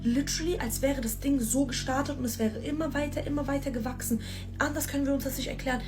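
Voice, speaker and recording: A woman telling her own scary story in a casual, excited, slangy way, speaking straight to her listeners. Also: sits high, fast talker, over music.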